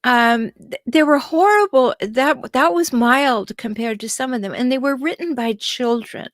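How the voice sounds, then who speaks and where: A woman guest speaking as a relationship expert on a casual podcast, telling stories in an animated way with many restarts. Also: high voice, unhurried, dry recording.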